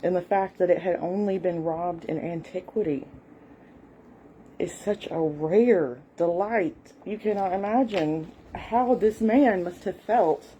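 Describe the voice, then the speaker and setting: A woman's voice: fairly low pitch, normal speed, few pauses, dark tone, highs cut off, slight background noise. A Southern woman in her late forties or older, chatting casually at home and walking viewers through the pictures in a book, with lots of fillers and apologies. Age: at least late 40s. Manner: shows a book page and walks viewers through it. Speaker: history hobbyist host. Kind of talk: casual rambling explanation. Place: home, cat nearby.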